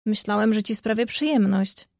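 A woman's voice: mid-range voice, moderate pace, gravelly, a little mellow, dry recording, close to an everyday voice. A woman voicing a playful, teasing young man in a read-aloud story, speaking lightly to a close friend.

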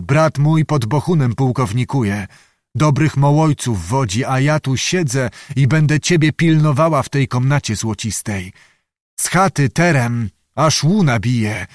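A man's voice: mid-range voice, dry recording, studio quality, close to an everyday voice. A man voicing a bold, cheeky young giantess witch who talks in a coaxing, folksy way.

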